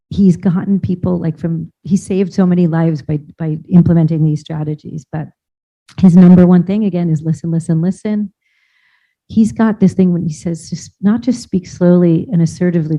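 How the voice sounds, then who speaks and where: A woman's voice: on the low side, dark tone, dull audio. A woman giving an informal conference talk, chatty and full of fillers and restarts. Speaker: conference speaker.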